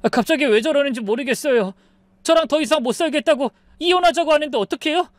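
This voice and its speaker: A woman voicing a hot-tempered adult son who whines and yells in shrill, petulant outbursts. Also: fast talker, dry recording, close to an everyday voice. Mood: pleading.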